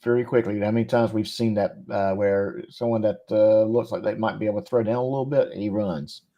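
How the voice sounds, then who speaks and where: Mellow, hesitant chat guest. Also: mid-range voice, steady tone. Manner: drawn-out, hesitant with fillers. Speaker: guest commentator. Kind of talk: casual chat.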